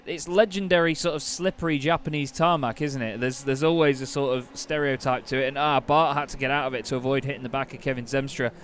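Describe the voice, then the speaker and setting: A man's voice: mid-range voice, fast, few pauses, slight background noise. A man giving live sim racing commentary in a motorsport commentator's delivery, as the lead caller. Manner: motorsport commentator delivery, rising to excited calls.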